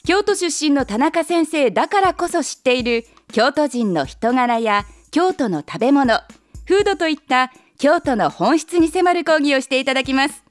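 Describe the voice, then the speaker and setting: A woman's voice: sits high, animated, moderate pace, soft background music. A woman hosting the program, reading scripted introductions in a polished manner. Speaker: program host. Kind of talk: scripted announcing.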